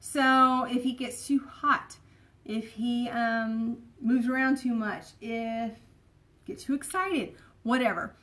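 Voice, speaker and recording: Rambling woman, somewhat high voice. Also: slow, fairly bright tone. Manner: rambling, many fillers and asides. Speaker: vlogger. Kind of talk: casual chat.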